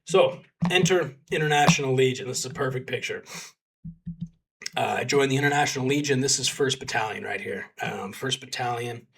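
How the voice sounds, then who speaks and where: A man's voice: mid-range voice, brisk, creaky, a little hiss or hum. A young man from Texas, a volunteer combat medic, telling his story in a rambling, casual way full of fillers. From Texas, United States. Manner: rambling, filler-heavy, animated when quoting others.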